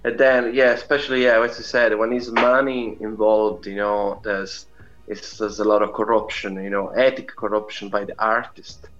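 A middle-aged Italian man with a fairly low, level voice speaks at a moderate pace as an interview guest. He's an indie musician who rambles casually, leaning on "you know" a lot. The audio is dull, with music playing behind him.

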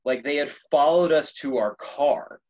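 A young man telling a story in casual conversation, animated and laughing often. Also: fairly high pitch, unhurried, dull audio.

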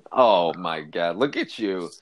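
A man's voice: low-pitched, expressive, takes it slowly, crowd noise. A man co-hosting a casual podcast, teasing his friends and swearing freely. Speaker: podcast co-host. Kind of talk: casual chat.

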